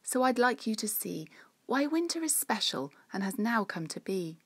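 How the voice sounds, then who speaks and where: A woman's voice: mid-range voice, very animated, moderate pace, a bit bright, breathy edge, dry recording, voice pushed up, heavily acted. A woman voicing a regal, cheerful winged winter queen in a storybook, grand, theatrical and inviting.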